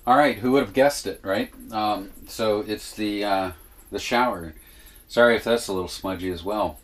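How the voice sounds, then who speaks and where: Male DIY vlogger, low voice, unscripted and rambling, hesitant explanations, recorded inside a small RV trailer. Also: moderate pace. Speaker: vlog host giving RV upkeep tips. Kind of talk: casual unscripted how-to talk. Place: small RV interior.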